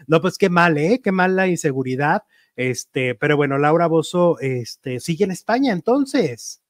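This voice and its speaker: A man with a Mexican accent hosting a casual celebrity gossip chat, lively and talkative. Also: a little high, a little slow, no echo, studio quality. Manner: chatty, lively, reads viewer messages aloud. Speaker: show host.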